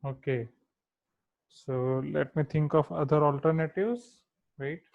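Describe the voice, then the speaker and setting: Teaching maths live online, this Indian man moves between English and Hindi and keeps asking his students to answer in the chat. He speaks slowly in a gravelly voice that sits a little high. The sound is thin and echoey, phone-like.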